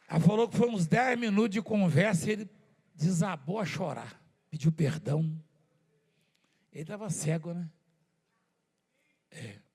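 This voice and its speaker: Brazilian preacher guy, high voice, husky and crackly, chatty sermon w lots of repeats and questions to the crowd. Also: a little mellow. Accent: Brazilian Portuguese. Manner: conversational preaching with rhetorical questions and repetition.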